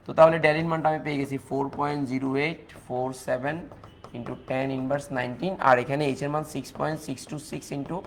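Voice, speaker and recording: Speaking unhurriedly at a medium pitch with fairly even intonation, a man with a Bangladeshi Bengali accent leads a live online chemistry class, with a little hiss or hum audible. He solves calculations one step at a time, reiterates key points, and takes up viewers' comments.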